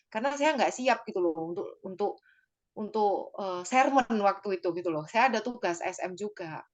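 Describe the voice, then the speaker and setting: A woman tells a personal story to her church group in an open, emotional, conversational way. She leans on fillers and little tag phrases and keeps turning to her listeners as friends. Her voice sits at an ordinary pitch for a woman. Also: lively intonation, normal speed. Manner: addresses listeners directly. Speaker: church small-group member giving a testimony.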